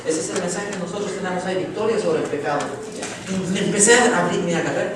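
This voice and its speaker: A man preaching a sermon and telling a testimony, swinging from loud emotional peaks to hushed appeals. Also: high voice, quick pace, crowd noise. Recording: far-off mic in a very echoey hall with room noise.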